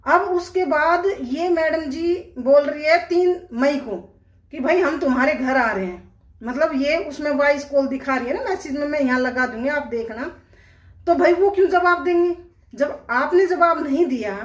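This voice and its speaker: A woman's voice: high-pitched, moderate pace, reverberant. A woman vlogger giving indignant casual commentary, talking straight to her viewers with rhetorical questions. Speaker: vlogger commenting on a family dispute.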